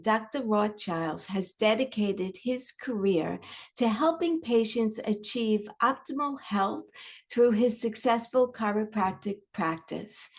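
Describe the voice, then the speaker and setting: Slow-talking woman in her sixties hosting. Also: medium pitch. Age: 60s. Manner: chatty and candid, slow and unhurried. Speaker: podcast host. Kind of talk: podcast intro monologue.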